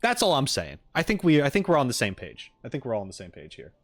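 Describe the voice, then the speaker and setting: Quick and medium-pitched, with huge swings in pitch, a man hosts a casual reaction stream about game content. He jokes, rambles, and repeats himself while chatting with live viewers. The recording is dry.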